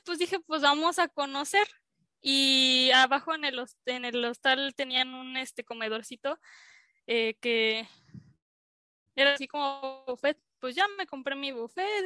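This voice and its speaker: Young mexican woman telling a story in an interview, bright high voice, loads of fillers, acts out what people said. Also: no room sound. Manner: chatty, filler-heavy, acts out quoted dialogue. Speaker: interview guest, scientist. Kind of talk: casual storytelling.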